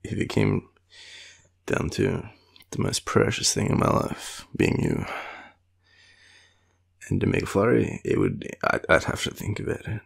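He has a low voice full of vocal fry and a breathy edge, moving a little slowly with huge pitch swings. The performer is a drowsy Australian man playing a clingy, teasing boyfriend, murmuring and rambling in intimate roleplay, often half-whispering.

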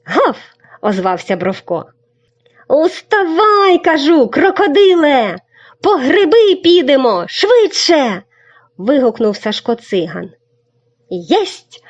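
A woman reading a children's story aloud with expressive storybook narration. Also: medium pitch. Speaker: reader. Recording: dull lo-fi recording.

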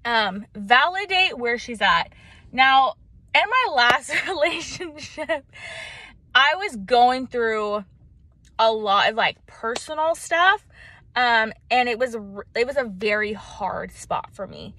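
A young woman vlogging relationship advice outdoors in the mountains, animated and chatty, speaking around braces. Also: a little high, takes it slowly, no room sound. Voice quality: talks around braces, sucking back saliva. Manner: animated, chatty, lots of fillers. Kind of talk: casual talk to camera. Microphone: camera.

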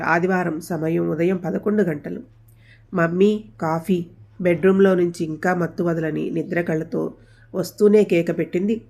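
A woman narrating a scripted family story in a calm, measured way as the channel's storyteller. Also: fairly low pitch, creaky.

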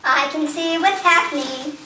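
Very high, bright young woman, theatrical. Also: unhurried. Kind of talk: playful comedy skit with singing. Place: small furnished room indoors. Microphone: far camera. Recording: roomy, distant camera mic, faint noise.

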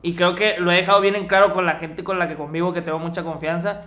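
A man's voice: sits high, flat delivery, fast talker, sharp tone, muffled recording. A young man with a Mexican Spanish accent, co-hosting a podcast and telling a story in casual, slangy chat, acting out the quotes. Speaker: podcast co-host.

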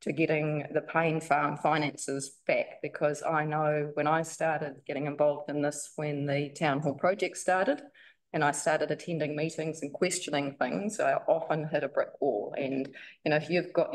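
A woman speaking informally to a council meeting as a member of the public, reading loosely from notes with many fillers. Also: low-pitched.

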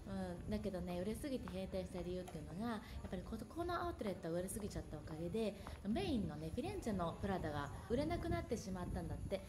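Fast-chatting woman touring shops. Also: mid-range voice. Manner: chatty, friendly asides to the viewer. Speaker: vlogger touring an outlet. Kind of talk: casual walking-tour narration. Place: outdoor shopping village. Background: background music.

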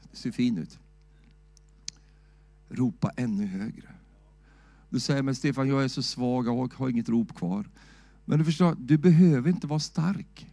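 A middle-aged man preaching a sermon in a church, shouting at times and asking the church "va?" in a loose, talky way. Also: medium pitch, no echo. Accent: Swedish. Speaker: pastor.

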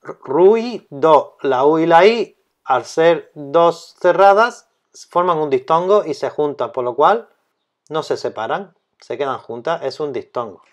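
A man explaining a grammar lesson as a teacher, speaking slowly and deliberately and repeating key terms. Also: a little high, expressive.

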